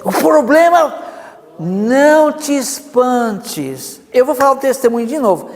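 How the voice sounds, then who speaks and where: A Brazilian man preaching a sermon, telling a story with lively asides. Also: very high voice, unhurried, in a large hall. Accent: Brazilian Portuguese. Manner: animated storytelling with many asides.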